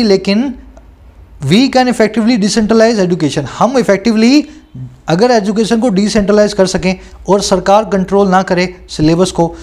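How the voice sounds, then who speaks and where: A man coaching students through an exam paper, reading English questions out slowly and explaining them, often checking that they follow. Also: sits high, a little mellow. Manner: reads English questions aloud slowly, then explains in Hindi.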